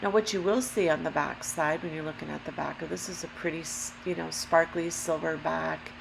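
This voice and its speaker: Hosting an easygoing craft lesson, a woman talks in a gravelly, low tone strained by allergies and keeps clearing her throat. She explains each stage carefully without rushing, offering apologetic asides along the way. A persistent mechanical hum and the sound of a lawnmower fill the background.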